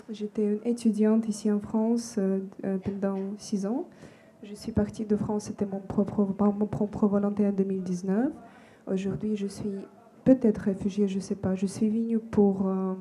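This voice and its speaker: A woman's voice: medium pitch, warm tone. A young woman with a Ukrainian accent, asking earnest questions from the floor at a public talk and searching for words in French. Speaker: audience member asking questions. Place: event hall with an audience. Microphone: handheld mic.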